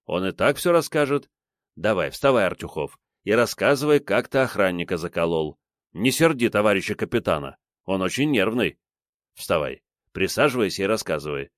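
A man voicing a calm, sly investigator who questions a suspect with ironic, coaxing remarks. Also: low voice, moderate pace, no echo, clean studio sound.

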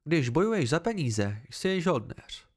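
Stern female sword mentor, blunt and lively-voiced, as a male reader puts her on for an amateur audiobook. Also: on the high side. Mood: instructive. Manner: blunt, instructive, measured.

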